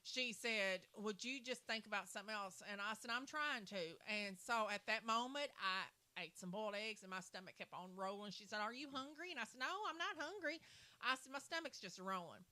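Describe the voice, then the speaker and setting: A woman's voice: mid-range voice, fairly quick, pushed and bright. A woman telling a long, rambling personal story on a livestream, circling back with "so anyway.". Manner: rambling, repeats "so anyway" and "and everything". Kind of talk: casual storytelling.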